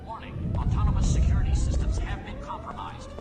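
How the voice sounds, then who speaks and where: A voice actor playing an automated security alarm, giving a formal, urgent emergency announcement over a distant facility loudspeaker. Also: very high-pitched, wildly swooping pitch, fast, roomy sound, music in the background, exaggerated voice.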